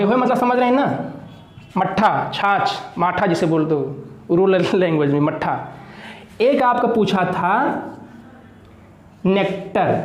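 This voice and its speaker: A man teaching an exam-prep class. He addresses his students as children, asks his own questions and answers them, and repeats key words. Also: sits high. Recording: echoey room.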